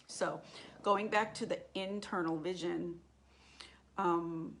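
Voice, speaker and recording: Woman, live class teacher, conversational, asks the group questions, fairly low voice. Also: steady tone, slow, gravelly, a little hiss or hum. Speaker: intuition teacher.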